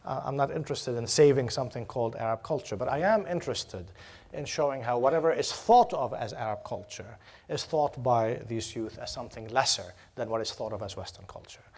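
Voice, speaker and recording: In a lecture hall, a lecturer from Jordan answers audience questions in an academic Q&A, his speech full of fillers, repeated words and restarts. He talks fairly quickly in a mid-range voice with a darkish tone.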